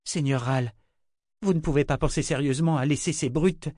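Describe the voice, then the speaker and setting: A man voicing a frail, urgent female seer in a dry audiobook reading, his voice lifted high. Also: normal speed, darkish tone, no room sound, lightly acted. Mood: pleading. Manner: high pleading voice.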